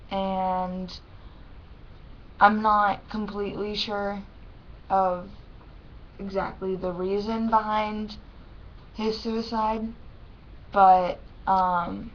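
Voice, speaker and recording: A young adult woman with a mid-range voice speaks haltingly and plainly in a casual personal vlog. She has a lisp, and her speech is thick, as if her tongue were swollen. The sound is dull and lo-fi with faint noise.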